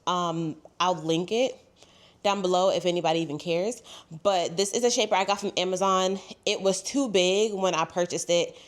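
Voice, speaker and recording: A woman's voice: lowish voice, normal speed. Congested young woman rambling through a clothing try-on, out of breath. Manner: chatty, says "y'all" often. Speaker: fashion haul vlogger. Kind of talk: casual try-on haul chat.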